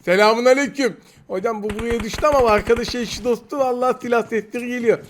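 A young man giving excited gameplay commentary, teasing and trash-talking his opponents. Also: very high voice, fast talker. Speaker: mobile game streamer. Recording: noisy game audio with gunfire. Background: gunfire and game sounds.

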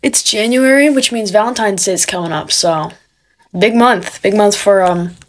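A woman's voice: medium pitch, moderate pace. A teenage girl talking straight to camera in a casual vlog, ranting sarcastically and slipping into mocking voices as she tells stories. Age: teens. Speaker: TikTok creator.

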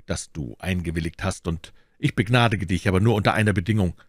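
A man's voice: deep voice, quick pace, dry recording, clean studio sound. A man voicing a bold young officer who speaks in a stern, commanding way in an audiobook.

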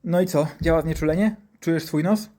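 A man's voice: on the high side, fairly quick, warm tone, pitched above the performer's own voice, natural voice. Crude drunk doctor, boastful, foul-mouthed, swaggering, a man putting it on. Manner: coarse, swaggering, swears constantly.

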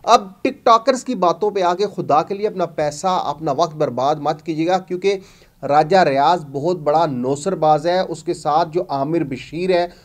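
Male host, high voice, preacherly and accusatory scam-warning commentary. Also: unhurried.

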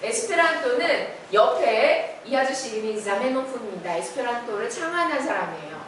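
A woman teacher with a fairly high, lively voice explains points step by step and asks the class questions. She is heard from a distance in a very echoey hall. A faint hiss of room noise sits underneath her voice. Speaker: Esperanto lecturer. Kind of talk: classroom lecture.

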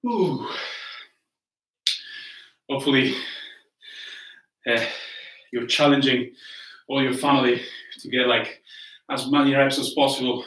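A man's voice: medium pitch, fairly even intonation, slow, long pauses, a bit bright. A man coaching a home workout, cheerfully counting down and cueing each move while getting out of breath. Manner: upbeat, encouraging, counts down and cues moves while exercising. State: breathing hard between moves. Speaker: fitness coach. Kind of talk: live home workout instruction. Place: warm room at home, indoors. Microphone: laptop camera from across the room. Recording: roomy echo from a distant mic.

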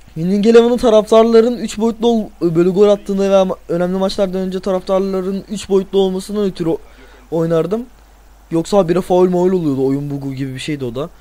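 Excitable young man yelling at a football game. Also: high voice, fast. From Turkey. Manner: excitable, swearing, yelling at players. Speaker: gaming channel host. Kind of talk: let's play commentary.

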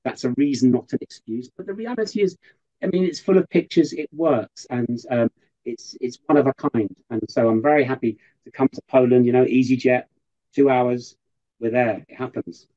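A man, a professor, talking earnestly in an interview and telling stories with lively quoted asides. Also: mid-range voice, normal speed, muffled recording. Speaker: professor giving a guest interview. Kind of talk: conversational interview storytelling.

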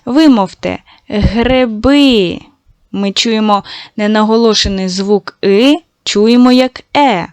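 A woman teaching a recorded lesson to young schoolchildren, patient and encouraging, slowly stretching out sounds to show how they are said. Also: medium pitch, clear, resonant tone, no room sound. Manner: praising, addresses children directly.

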